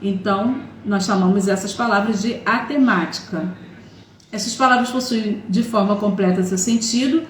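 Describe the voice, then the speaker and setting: A woman's voice: medium pitch, moderate pace. A woman Portuguese teacher giving an online grammar lesson, explaining patiently and checking in often with short questions. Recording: echoey room with faint noise.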